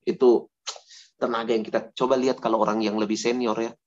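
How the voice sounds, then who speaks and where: A man's voice: medium pitch, flat delivery, fairly quick, pitched below the performer's own voice, close to an everyday voice. A man voicing a smug, persuasive old male prophet who talks in a chummy, casual way, calling his listener bro. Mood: chummy coaxing. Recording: dull lo-fi sound.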